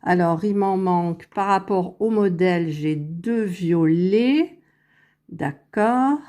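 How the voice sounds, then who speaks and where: Slow, mellow-voiced woman crafting aloud. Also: fairly low pitch. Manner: unhurried, thinking aloud while working, self-correcting. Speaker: crafting vlogger. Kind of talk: casual crafting tutorial. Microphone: phone held very close to the face.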